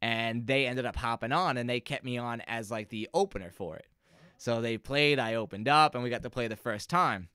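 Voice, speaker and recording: Bright, clear-voiced young man telling stories. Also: medium pitch, moderate pace, no room sound, studio quality. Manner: chatty, acts out quoted voices in his stories. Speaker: musician guest. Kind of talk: casual interview storytelling. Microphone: close podcast microphone.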